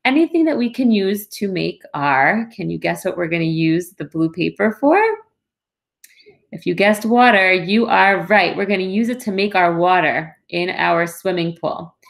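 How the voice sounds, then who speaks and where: A woman's voice: fairly low pitch, expressive, normal speed, vocal fry. A woman presenting a craft to young children step by step, explaining simply and reassuringly.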